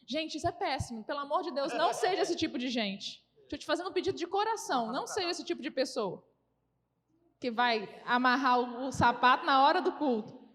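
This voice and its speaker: Woman pastor, sermon, earnest and repetitive, high voice, echoing church. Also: animated, fairly quick, fairly bright tone. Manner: earnest, repeats phrases for emphasis.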